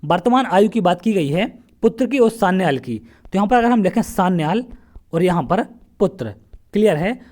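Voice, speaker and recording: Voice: mid-range voice, animated, moderate pace, a little mellow. A math teacher from central India, solving exam questions step by step, often asking a question and answering it straight away. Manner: asks questions then answers them, step by step. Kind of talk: exam-prep lesson solving past paper questions.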